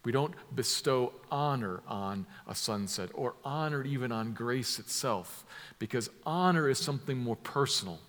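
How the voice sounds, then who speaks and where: A man preaching a sermon, drawing listeners into vivid scenes, moving from hushed asides to loud emphatic lines. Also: mid-range voice, big-room sound. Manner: emphatic, builds from soft to loud with vivid imagery.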